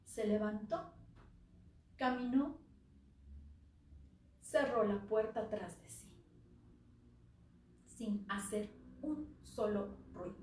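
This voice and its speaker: Slow, dramatic woman storyteller. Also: medium pitch, a little mellow. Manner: slow, dramatic, dropping to near-whispers. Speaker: oral storyteller. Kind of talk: dramatic live story narration. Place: theater stage. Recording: echoey theater, from far off the mic.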